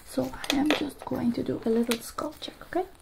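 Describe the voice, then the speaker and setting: A young woman acting out a reassuring medic in an ASMR ASMR role-play. Her soft voice is high and creaky, slipping into speaks softly as she repeats little phrases to a patient. There is clear noise in the close recording. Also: steady tone, brisk. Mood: soothing, businesslike. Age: young adult. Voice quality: soft, breathy, often soft-spoken. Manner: murmured, repetitive, reassuring patter. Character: brisk, reassuring female medic doing procedures on a patient. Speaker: ASMR performer. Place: small indoor room. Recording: noisy close recording with clicking.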